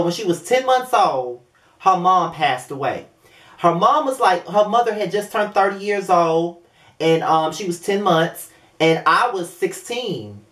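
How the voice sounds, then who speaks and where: A man's voice: high voice, a bit bright. Profane, rambling man in his twenties. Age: 20s. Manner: blunt, profane, rambling with many fillers. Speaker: video reviewer. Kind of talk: casual vlog review. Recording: roomy echo.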